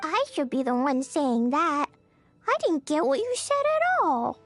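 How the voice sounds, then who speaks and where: A woman's voice: high-pitched, wildly swooping pitch, a little slow, faint music behind, heavily acted. An actress voicing a tiny, innocent and impulsive little girl in an anime game, naive and childlike. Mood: puzzled. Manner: childlike, naive, wide-eyed.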